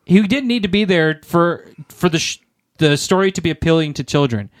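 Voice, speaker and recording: A man's voice: on the high side, lively intonation, a little fast. A man co-hosting a podcast, blunt and dismissive in a casual debate chat, swearing freely. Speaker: podcast co-host.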